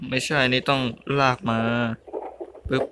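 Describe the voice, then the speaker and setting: Over a noisy background, a young YouTuber plays a game while talking a little slowly. His let's-play commentary is relaxed, full of mumbling, grunts, and outbursts when he messes up.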